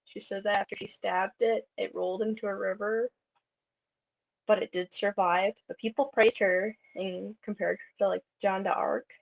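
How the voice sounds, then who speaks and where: Woman, panel presenter, casual and rambling, lots of fry, muffled lo-fi capture. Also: medium pitch, little pitch movement, moderate pace. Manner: chatty, heavy use of "like" fillers. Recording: dull lo-fi recording.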